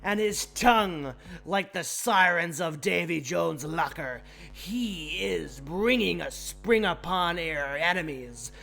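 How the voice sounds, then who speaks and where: A man's voice: sits high, bright, forceful tone, heavily acted. A man voicing a boisterous pirate storyteller, in theatrical pirate slang.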